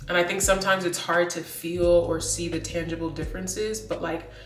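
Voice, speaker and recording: Casual vlog chatter comes from a woman in her late twenties whose fairly low voice keeps a level tone at a normal pace, loaded with "like" and restarts. She's recorded at a distance in an echoey room, faint music behind her.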